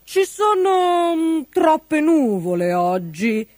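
Pompous boastful ostrich king, played by a woman, lively storybook delivery. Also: high voice, a little slow, slightly rough, no room sound, clean studio sound, pitched above the performer's own voice, heavily acted. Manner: blustering, hesitant excuses.

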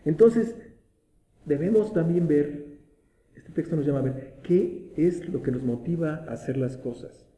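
A man's voice: a little high, measured pace, warm tone. A man preaching a sermon as pastor in a church, asking rhetorical questions and often restarting his words. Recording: echoey room.

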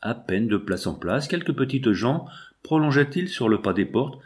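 A man reading a literary novel aloud in a measured, expressive way. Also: medium pitch. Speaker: audiobook reader. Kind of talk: literary narration.

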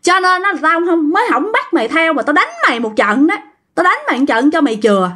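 A woman's voice: fairly high pitch, lively intonation, moderate pace, fairly bright tone. A woman voicing the spirit of a dead young man who speaks through a living relative and scolds harshly. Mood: angry scolding.

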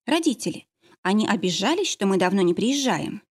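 Woman reading an anxious young woman, hesitant, husky, a bit higher. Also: big pitch swings, a little fast. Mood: uneasy. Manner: hesitant, apologetic. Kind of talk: audiobook character reading.

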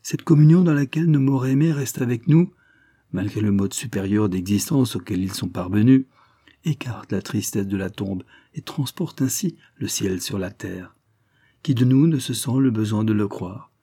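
A man voicing a gentle, gracious young married woman in a read-aloud story, speaking softly and kindly. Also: on the low side, expressive, normal speed, slightly rough, dry recording, clean studio sound.

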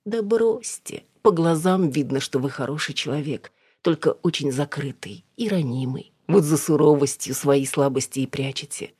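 A reader voicing an elderly grandmother, worn-down and gentle, who speaks quietly and plaintively. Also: mid-range voice, moderate pace, breathy edge, no echo, studio quality, lightly acted. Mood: sad, confiding.

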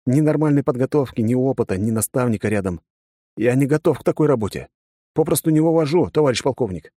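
A man's voice: medium pitch, lively intonation, fast talker, warm tone, no room sound, clean studio sound, pitched above the performer's own voice, lightly acted. A man voicing a stubborn, guilt-ridden young soldier in a clipped, tense way.

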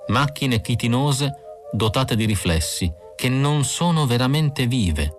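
A man's voice: mid-range voice, animated, slow pace, soft background music, voice pushed up. A man voicing a cool, weary young female android in an audiobook, with a raised, lighter voice. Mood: weary, bitter. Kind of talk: audiobook character reading.

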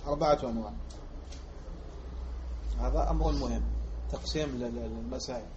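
A man from Algeria teaching Arabic morphology as a lecture, repeating example words slowly and quizzing his listeners. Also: medium pitch, slight background noise. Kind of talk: classroom lecture explaining grammar. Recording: muffled lo-fi recording.

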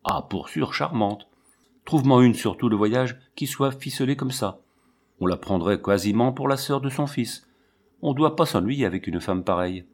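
A man's voice: medium pitch, expressive, moderate pace, a little mellow. A man reading the part of a worried, timid woman pleading with her husband. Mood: fearful.

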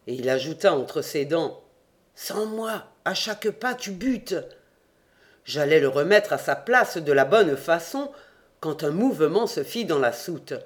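A man reading an adventure novel aloud with measured storytelling. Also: a little high. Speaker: audiobook reader.

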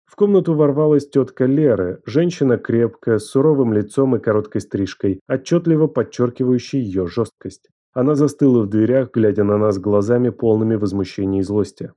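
A man narrating a first-person audiobook in a measured, even storytelling manner. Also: mid-range voice.

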